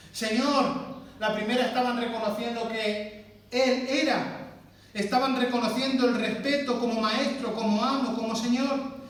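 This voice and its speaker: A high-voiced man preaches with emphatic force, repeating words for stress. He sounds distant from the microphone, and his voice rings through a very echoey church hall. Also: a bit bright. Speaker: pastor. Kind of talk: sermon.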